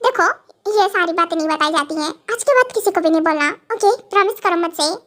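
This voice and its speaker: A woman playing a stern young husband and professor in a fan audio drama. He scolds and lectures his wife in exasperation. The voice stays high and bright throughout. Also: expressive, fast talker. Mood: scolding.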